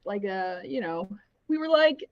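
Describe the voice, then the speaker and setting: Animated woman player, dull audio. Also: mid-range voice, unhurried, crowd noise. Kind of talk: casual tabletop game chat.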